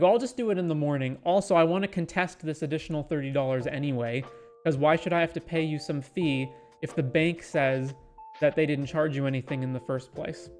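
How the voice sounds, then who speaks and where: A man's voice: on the high side, darkish tone. Exasperated man ranting a long story. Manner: exasperated, rambling anecdote with quoted asides. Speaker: streamer telling a story. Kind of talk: casual storytelling.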